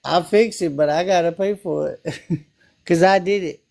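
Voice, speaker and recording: A man's voice: high-pitched, moderate pace, creaky, a little mellow. A man from South Memphis with a Southern accent, chatting casually on a call, laid-back, laughing often and cursing freely. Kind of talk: casual chat.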